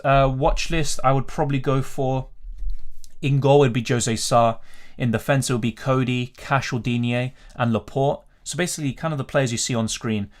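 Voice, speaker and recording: A man from Argentina, speaking at a medium pitch, fields viewer questions on his fantasy football livestream, reading them aloud and answering off the cuff in an easygoing, conversational way while thinking aloud.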